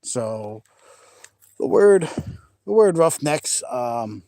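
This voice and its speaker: Speaking extremely slowly in a sing-song, mellow voice of medium pitch, the middle-aged Maine vlogger sounds dry in the recording. He's outdoors by a big lake at sunset with a hand-held phone camera, chatting live with viewers in a rambling way, with easy laughs, frequent restarts and a faint Maine accent.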